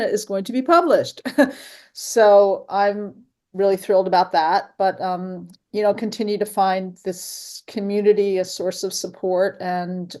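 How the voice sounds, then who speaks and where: A woman speaks softly on a video call at a middle pitch. She hesitates often and fills her pauses with ums. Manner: soft-spoken, hesitant with many ums. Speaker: group member, memoir author. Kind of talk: casual video call chat.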